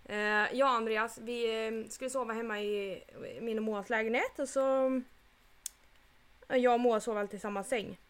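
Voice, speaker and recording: A woman co-hosting a casual podcast chat, blunt and animated, swearing often. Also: on the high side, clean tone. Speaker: podcast co-host.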